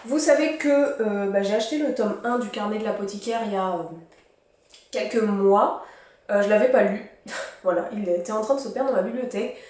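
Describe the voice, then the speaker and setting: A woman's voice: medium pitch, a little fast, a little mellow. A young woman in her twenties, a student, chatting casually and rambling through a book haul with many fillers. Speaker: book vlogger. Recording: echoey room.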